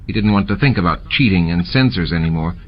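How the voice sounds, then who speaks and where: A man with a low-sitting voice narrates a scripted story as an audiobook reader, animated and fast. The recording is muffled, with clear background noise and ambient sound effects.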